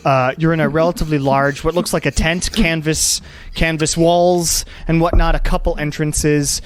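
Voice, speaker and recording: A man's voice: on the high side, level tone. A man working as game master, improvising tabletop narration and chatting casually, often feeling for his words. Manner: halting, searching for words as he describes scenes.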